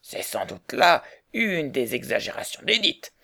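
A mild older father questions his daughter gently, as a man reads him aloud. The voice is heavily gravelly and creaky. It sounds like a calm storybook reading. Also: fairly high pitch, measured pace, full character voice. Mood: doubtful.

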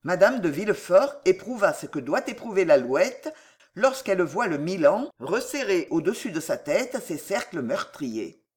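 Brief: male audiobook narrator, dramatic and lively in pitch. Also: normal speed, slightly rough. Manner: dramatic, expressive. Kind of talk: scripted narration.

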